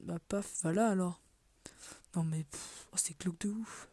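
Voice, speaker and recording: A woman talks her way through a game in an offhand, muttering let's play style, often sinking to a half-whisper and swearing under her breath. Her voice is mellow and dark, and the recording is dry and close with no room sound. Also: on the low side, measured pace, dry recording. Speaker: gaming video creator. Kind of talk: casual let's play commentary.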